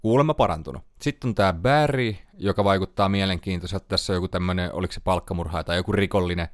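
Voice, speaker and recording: A man with a very low voice hosts a solo podcast, talking through his picks in a casual, rambling way. He thinks aloud, pauses to recall names, trails off, and corrects himself. The recording is close and completely dry, with no room sound.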